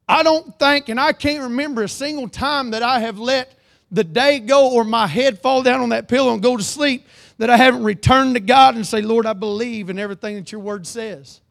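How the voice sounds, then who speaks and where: A man delivers a sermon in a high voice. He reads scripture aloud, then preaches, rising to loud emphatic lines and dropping to low, earnest ones. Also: normal speed, creaky.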